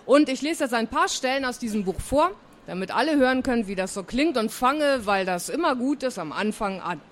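A woman's voice: a little high, lively intonation, brisk. Woman from northern Germany, children's author, simple and friendly talk to kids. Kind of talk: author talk and reading to a live audience.

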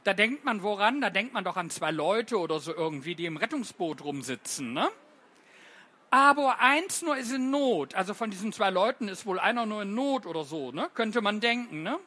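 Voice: medium pitch, expressive, normal speed, sharp tone. An author giving a live poetry reading for children, playful and chatty, quizzing the audience with many questions. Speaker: author reading own poems.

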